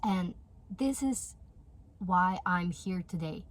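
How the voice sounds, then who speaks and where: Speaking slowly and animatedly in a lowish voice, this vlogger addresses the camera in a casual, earnest and encouraging way. She is in her 20s, from Russia, with Russian as her first language and a Russian accent.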